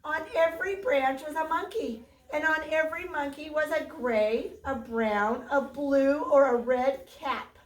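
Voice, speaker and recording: A woman teacher reading a picture book aloud to children in a classroom, animated and stopping to quiz the kids. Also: high voice, measured pace, few pauses. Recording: roomy classroom from far off.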